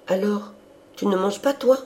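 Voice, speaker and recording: A man voicing a cheerful, childlike young woman who is always hungry, in a high, coaxing voice. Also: a little slow, darkish tone, a little hiss or hum. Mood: eager.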